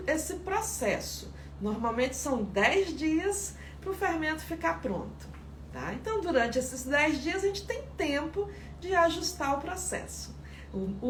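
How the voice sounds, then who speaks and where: Slow-talking woman teacher, echoey room. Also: high-pitched. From Espírito Santo, Brazil. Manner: warm, chatty, greets viewers by name. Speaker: sourdough baking teacher. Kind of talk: live-stream class, greeting viewers. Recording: echoey room with faint background noise.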